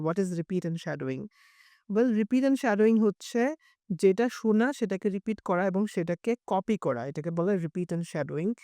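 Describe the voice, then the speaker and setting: Slow, crisp Bengali-accented IELTS teacher. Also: mid-range voice, warm tone, no echo, studio quality. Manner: explains carefully, demonstrates words by repeating them. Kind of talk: bilingual lesson.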